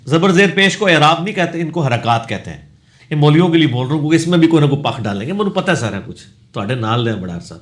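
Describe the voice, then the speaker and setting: High-voiced Punjabi-accented man lecturing. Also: very animated, a bit bright. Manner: explanatory, correcting, slips into Punjabi asides. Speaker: religious scholar answering questions. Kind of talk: Q&A lecture on pronunciation.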